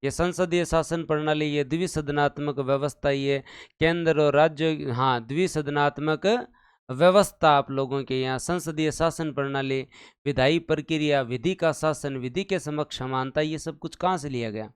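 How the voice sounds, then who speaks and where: A man teaches a live online exam-prep class in a clear, resonant voice pitched a little high. He keeps firing questions at his viewers and repeats them. He chants figures over and over so they stick. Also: normal speed. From India.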